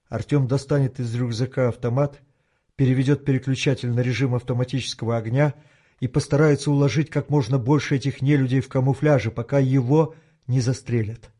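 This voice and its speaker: A man reading a tense novel aloud as an audiobook narrator, with steady, dramatic storytelling. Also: mid-range voice. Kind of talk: scripted narration.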